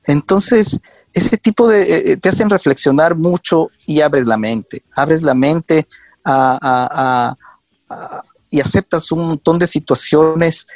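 Slowly and in a darkish tone, a slightly high-voiced man tells earnest stories as an interview guest, with no echo in the recording. He makes documentary shows and speaks conversationally, with frequent hesitations and restarts.

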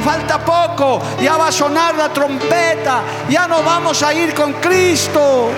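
A male pastor with a Bolivian Spanish accent preaching a fervent sermon, often calling listeners brother. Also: high-pitched. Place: church hall. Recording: echoey church hall with long reverb. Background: music.

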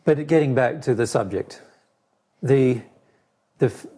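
A spiritual teacher, a man who is losing his voice, answers a question, explaining his reading of it to a listener at a measured pace and often restarting phrases. His voice keeps giving out, sounding husky and rough, with a medium pitch and a dark, mellow tone.

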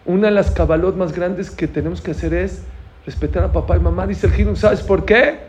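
A man's voice: high-pitched, fairly even intonation, brisk, a little mellow. Man preaching in a dull lo-fi recording. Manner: storytelling, acts out dialogue, asks the audience questions. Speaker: religious teacher. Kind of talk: sermon to young people. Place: auditorium. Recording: dull lo-fi recording, faint noise.

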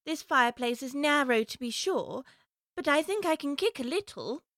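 Curious chatty little girl musing to herself, a woman voicing her, high and bright, dry sound. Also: animated, normal speed, no echo. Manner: musing aloud to herself, prim and wondering.

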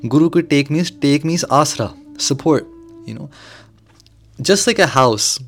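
A man's voice: fairly high pitch, lively intonation, a little slow. Man teaching scripture over music. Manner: switches between English and Punjabi, explanatory, repeating key phrases. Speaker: Sikh preacher teaching scripture. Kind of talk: religious discourse, explaining scripture.

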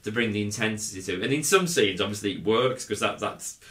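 A low-pitched man chats casually about films, rambling and animated, breaking into laughs as he goes. His voice sits in a roomy, echoey space. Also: quick pace. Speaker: podcast co-host. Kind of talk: casual film review chat. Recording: roomy echo.

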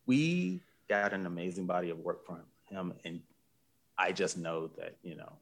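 Podcast co-host, man with a deep gravelly voice, reflective and earnest. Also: moderate pace. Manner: reflective, earnest, many restarts. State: choked up with emotion. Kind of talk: casual conversation.

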